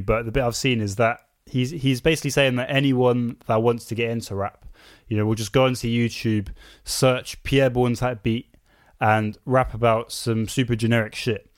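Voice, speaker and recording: A man's voice: mid-range voice, no room sound, studio quality. A man bluntly criticizing songs in casual podcast chat. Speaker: album reviewer.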